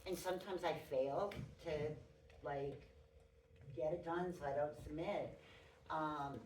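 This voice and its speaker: A woman speaking on a playwrights' panel, chatty and halting, laughing now and then. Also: low-pitched, fairly even intonation, darkish tone. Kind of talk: panel discussion. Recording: roomy echo, far from the mic, faint noise.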